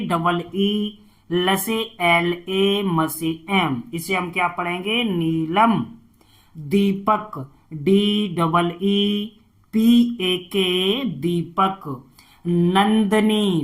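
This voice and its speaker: A man's voice: sits high, a bit bright. A male teacher with a Hindi accent gives a spelling lesson, saying words letter by letter and asking questions that he answers himself. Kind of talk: spelling lesson, slow and step by step.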